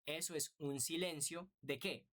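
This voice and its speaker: A man gives a beginner's online music lesson in a voice pitched a little above the usual for men. He explains step by step and keeps checking in with short rhetorical questions. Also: unhurried, fairly bright tone. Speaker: music teacher.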